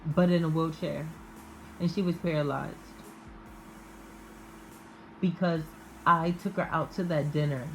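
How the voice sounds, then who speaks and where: A woman with a low voice gives an intimate, off-the-cuff tarot reading. She speaks very slowly, musing and halting with long pauses between phrases. There is clear noise behind her voice. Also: poor audio. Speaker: tarot reader.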